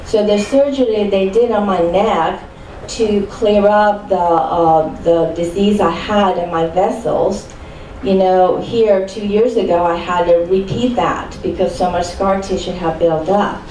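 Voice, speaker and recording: A Chilean woman in her sixties shares a personal testimony as a panel speaker at a live event. Her medium-pitched voice is warm and unhurried. The recording sounds roomy, with a distant mic and faint background noise.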